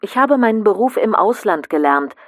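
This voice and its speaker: A woman's voice: mid-range voice, animated, normal speed, no echo, clean studio sound, natural voice. A woman acting a polite caller who phrases her questions carefully in a scripted language-course phone dialogue. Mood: polite, inquiring. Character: polite woman caller asking about job recognition.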